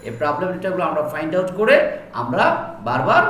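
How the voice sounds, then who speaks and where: A man's voice: fairly high pitch, lively intonation, quick pace, fairly bright tone. A man teaching English pronunciation in a tutorial, carefully repeating each letter sound and mixing English phrases into his explanations. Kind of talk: slow classroom-style tutorial. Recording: echoey room with faint background noise.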